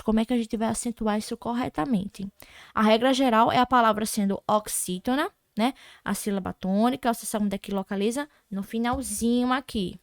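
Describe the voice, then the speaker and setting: A woman with a Brazilian Portuguese accent teaching an online grammar lesson, patiently checking in with "tá?" and slowing down to stress key terms. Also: a little high, no room sound, clean studio sound. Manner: patient, repeats checks like "tá?" and "certo?".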